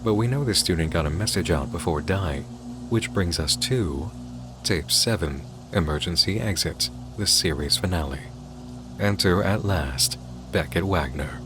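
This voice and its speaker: A man's voice: deep voice, unhurried. A man reading scripted, analytical video essay narration. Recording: clear background noise under voice.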